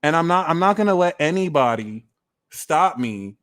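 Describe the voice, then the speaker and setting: A man's voice: fairly high pitch, lively intonation, normal speed, fairly bright tone, clear, resonant tone, dry recording, studio quality, pitched above the performer's own voice. A man putting on a boastful wannabe Brooklyn tough guy in a self-mocking, exaggerated way.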